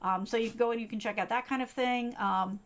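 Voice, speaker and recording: A middle-aged woman from the US East Coast giving a casual live-stream tutorial as a tech coach, talking fast and chatty with many fillers and "right?" tag questions. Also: fairly high pitch, steady tone.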